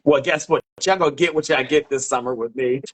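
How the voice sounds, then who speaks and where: A man's voice: mid-range voice, fairly quick, a bit bright, low-quality recording. A man hosting a dating show over a video call, bantering playfully and teasing his guest. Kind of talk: casual live-stream chat.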